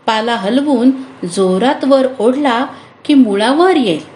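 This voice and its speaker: A woman's voice: on the high side, takes it slowly, darkish tone. A woman storyteller voicing a cheerful, bossy village farmer who teases a small mouse, heard with a roomy echo. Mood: calling out.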